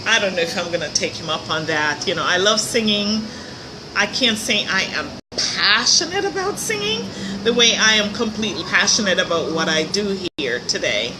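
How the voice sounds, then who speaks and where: Speaking on the high side with a slight hoarseness, a middle-aged woman who hosts a motivational show chats upbeat and casually on a live stream, laughing lightly. She's in a hotel room near a pool, with background noise.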